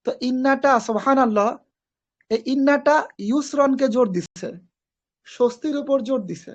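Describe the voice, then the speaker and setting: A woman's voice: high voice, unhurried. A woman from Bangladesh, teaching an online grammar class. She explains step by step, repeats key phrases and mixes in English grammar terms. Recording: dull lo-fi recording.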